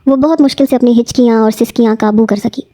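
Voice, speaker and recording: High, mellow woman narrating a novel. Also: fairly even intonation, no room sound, studio quality. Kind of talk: scripted narration of a romance novel.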